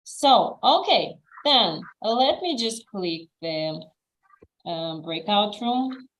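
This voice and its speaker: A woman's voice: mid-range voice, expressive, extremely slow, a bit bright, poor audio. Woman raised in Russia, online class host on a video call, friendly and instructive, filler-heavy. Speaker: host and English teacher. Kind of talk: live online class hosting.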